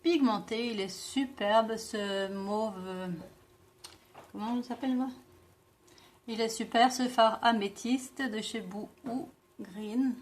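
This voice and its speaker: A woman's voice: on the high side, fairly even intonation, slow pace. A French-speaking woman reviewing organic makeup in a casual vlog, often stumbling over product names and correcting herself. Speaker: beauty vlogger.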